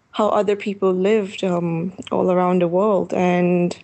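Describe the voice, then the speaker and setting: Interview guest: woman in her 30s, from Malaysia, unhurried and hesitant, mid-pitched voice. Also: vocal fry, darkish tone. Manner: hesitant, many pauses and fillers. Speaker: travel author guest. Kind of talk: interview answers. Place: her apartment.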